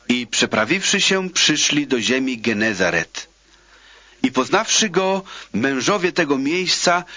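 A man reading scripture aloud in a slow, measured, solemn way. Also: on the high side, sharp tone, dry recording. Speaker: Bible reader. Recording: dull lo-fi dry recording.

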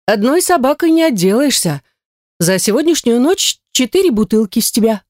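A woman's voice: a little high, very animated, moderate pace, a little mellow, dry recording, studio quality, pitched above the performer's own voice. A woman voicing a sassy young heroine who fires back with cheeky, indignant retorts. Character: sassy young heroine, quick-tongued and defiant.

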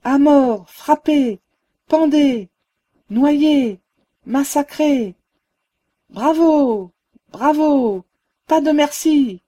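A woman's voice: high voice, very slow, long pauses, voice pushed up. A woman voicing a savage Cossack rebel band, bellowing commands. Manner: shouted commands. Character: savage male Cossack rebel mob, bloodthirsty.

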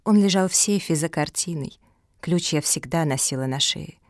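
A woman voicing a kind, calm female elder in an audiobook for children, speaking gently. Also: deep voice, moderate pace, no room sound, clean studio sound. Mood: rueful.

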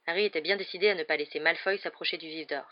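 A woman narrating a novel as an audiobook, reading in a lively storytelling manner. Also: deep voice, very fast, muffled recording.

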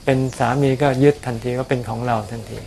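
A man, a Buddhist monk, answering questions about practice in a calm, explanatory way, often repeating words. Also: mid-range voice, quick pace, creaky, a little hiss or hum. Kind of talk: casual dharma Q&A. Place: outdoors on a mountain.

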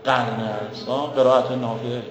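A male teacher giving a lecture on Quran commentary in a classroom. He keeps asking the class questions and recites words slowly. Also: mid-range voice, steady tone, roomy sound, long reverb tail, background noise. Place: classroom with a board.

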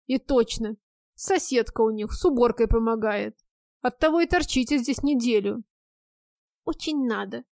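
A woman's voice: fairly high pitch, moderate pace, a little mellow, no echo, studio quality. A woman narrating a first-person audiobook in a wry, ironic manner.

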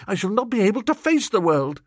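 A man doing a quivering, melodramatic young gentleman. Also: very animated, fairly quick, no room sound, clean studio sound. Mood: anguished. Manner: high, breathless, quivering pleading.

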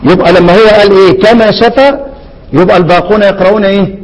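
A man with an Egyptian accent teaching Quran recitation, constantly quizzing his students and drawing out verses in a slow chant. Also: sits high, steady tone, in a large hall, rough recording. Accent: Egyptian Arabic. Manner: keeps quizzing students with questions, repeats answers. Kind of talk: classroom explanation of a recitation poem.

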